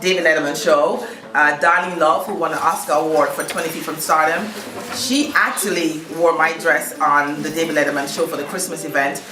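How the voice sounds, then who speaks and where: A woman's voice: sits low, steady tone, fairly quick, echoey room, background noise. A woman from Jamaica with a Jamaican accent, a fashion designer telling her story with upbeat laughs as a guest on a video call from her boutique. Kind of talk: casual interview on a video call.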